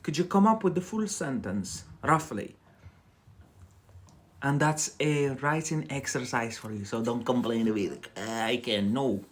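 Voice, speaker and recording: An English teacher hosts a casual live lesson on a livestream, chatting with viewers. The voice is mid-range and animated, yet the speech is halting, with words repeated as drills.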